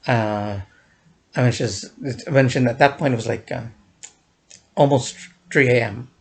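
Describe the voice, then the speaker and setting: An unhurried young man from the United States casually tells his vlog audience about a fan event in a mid-range voice. His account rambles, full of fillers and restarts, with frequent chuckles.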